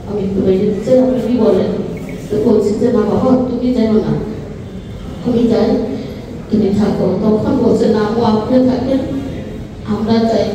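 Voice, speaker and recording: A middle-aged Bangladeshi woman giving personal testimony as a bereaved mother. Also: mid-range voice. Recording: echoey hall, far mic, noisy.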